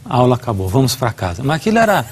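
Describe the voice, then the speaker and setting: A man's voice: medium pitch, very animated, rapid-fire, husky. A middle-aged man, a guest preacher, giving a devotional talk and telling a personal story earnestly, acting out the dialogue.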